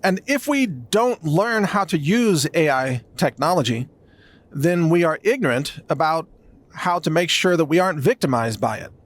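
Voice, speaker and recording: A man's voice: on the high side, animated, moderate pace. A middle-aged man hosting a podcast, delivering an emphatic monologue that builds through long lists of phrases. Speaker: podcast host. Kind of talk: monologue commentary.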